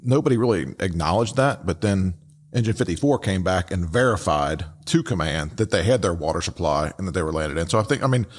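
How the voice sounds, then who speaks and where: A man's voice: sits low, lively intonation, fairly quick, soft background music. A man giving casual, explanatory commentary as a host and instructor. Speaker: host and instructor reviewing radio traffic.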